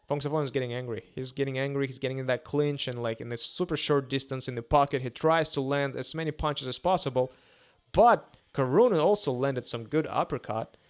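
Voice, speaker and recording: A man in his twenties with a Russian accent, a native Russian speaker, gives casual live boxing commentary, often repeating himself and hesitating. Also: medium pitch. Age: 20s. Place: small indoor room. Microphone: close podcast microphone on a boom arm.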